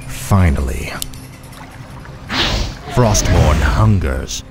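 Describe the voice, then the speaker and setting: Deep, rasping undead king. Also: animated, drawn-out words, full character voice. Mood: cold menace. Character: cold, menacing undead male death knight serving the Lich King. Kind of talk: video game unit voice lines. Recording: loud game music and battle noise behind.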